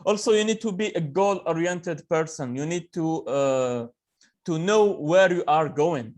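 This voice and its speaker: A man's voice: on the high side, measured pace, a little mellow. Earnest young man from Algeria. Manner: earnest, many fillers and restarts. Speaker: webinar speaker. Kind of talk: motivational talk on a video call.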